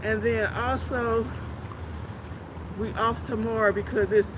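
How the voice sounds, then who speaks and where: A woman with a high voice chats outdoors on a city street. She rambles and repeats herself while heavy traffic noise washes over her. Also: steady tone, takes it slowly. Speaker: passerby.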